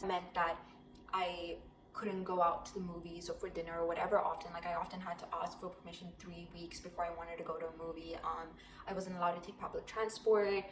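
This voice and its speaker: A woman's voice: lowish voice, a little hiss or hum. Reflective young woman in echoey room. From Zimbabwe. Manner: casual, reflective, frequent fillers. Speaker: vlogger. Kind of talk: personal storytelling vlog. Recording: echoey room with faint ambience.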